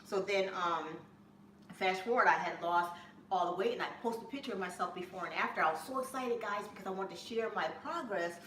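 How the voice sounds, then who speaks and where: A woman hosting a home cooking live stream, chatting in a rambling way with bursts of excitement, from her kitchen. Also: medium pitch, fairly quick. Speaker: cooking channel host. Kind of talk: casual live-stream chat. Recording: echoey room, mic at a distance, faint room noise.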